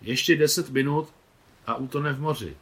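A man voicing a bold, spirited young female trick rider who calls out eagerly. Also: lowish voice. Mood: exuberant. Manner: exclaiming, lively.

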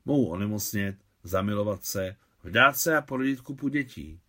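Proud young woman, tense and polite, as a man reads her lines, lowish voice. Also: lively intonation, sharp tone.

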